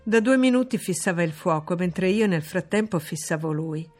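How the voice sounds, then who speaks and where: A woman's voice: on the low side, faint music behind. Woman reading a classic novel aloud. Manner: measured, expressive reading. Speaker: audiobook reader. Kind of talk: scripted literary narration.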